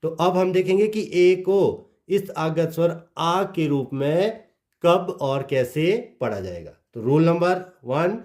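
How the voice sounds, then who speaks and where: Here a man teaches English pronunciation slowly, spelling out words letter by letter. His voice is a little high, expressive and darkish in tone, and it drops at phrase endings throughout the phonics lesson.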